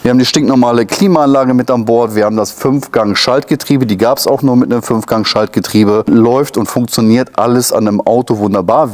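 A man's voice: mid-range voice, a little mellow. A man in his forties with a Ruhr-area German accent walks viewers through a used car in an easy, talkative way, tossing in small asides to the audience. He is a car dealer recorded on a lapel mic inside a dealership showroom. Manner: chatty, frequent filler tags and asides to viewers. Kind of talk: casual car walkaround presentation.

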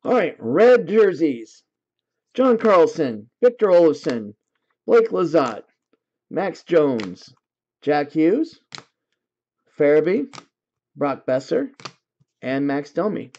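A man's voice: a little high, sing-song, slow, pauses often, a little mellow, dull audio. A man hosting a livestream card break, casually reading out card names in lists and talking to his viewers.

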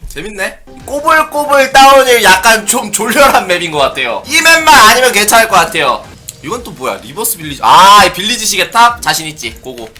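A man giving playful let's-play commentary on a racing game, often shouting excitedly. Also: high-pitched, a little fast, over music. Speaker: gaming streamer.

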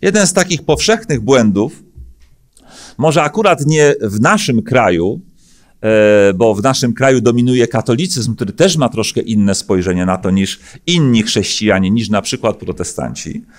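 A man's voice: medium pitch, animated, moderate pace. A middle-aged man from Poland, a pastor, preaching a sermon at a lectern, with earnest emphatic questions and frequent hesitant fillers. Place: church hall stage at a lectern. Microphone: lectern microphone.

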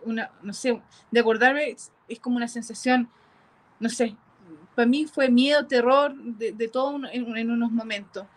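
Woman, slightly high-pitched, halting, repeats words, nervous laughs. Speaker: caller telling a paranormal experience. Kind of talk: emotional first-person storytelling.

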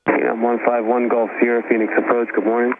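Flat-voiced controller over static radio. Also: male voice, medium pitch, quick pace, phone-quality sound. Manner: flat, routine radio delivery. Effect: aviation radio. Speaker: air traffic controller. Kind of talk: radio clearances. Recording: radio transmission with loud static.

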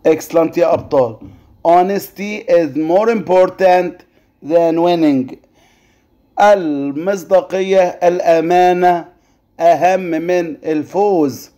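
A male English teacher with an Egyptian Arabic accent, explaining a lesson to children and reading words slowly and carefully. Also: high-pitched, warm tone. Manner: slow careful word-by-word reading, drawn-out model pronunciation.

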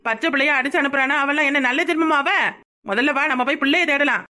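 With a Kanyakumari Tamil accent, a woman voices a practical younger village woman who keeps reassuring and coaxing her elder. Her high voice is pushed and bright, and she talks fast.

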